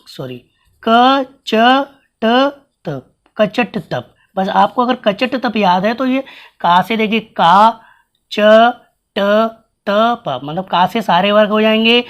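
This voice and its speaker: A male teacher giving a grammar lesson, sounding out each letter slowly and repeatedly and asking his students questions. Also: high voice, a bit bright. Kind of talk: blackboard-style grammar lesson.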